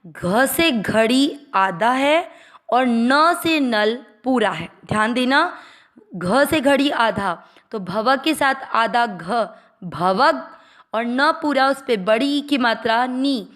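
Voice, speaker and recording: A woman teaching Sanskrit pronunciation, patiently spelling out each syllable and then chanting the verse slowly. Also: fairly high pitch, animated, a bit bright. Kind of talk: slow syllable-by-syllable pronunciation lesson.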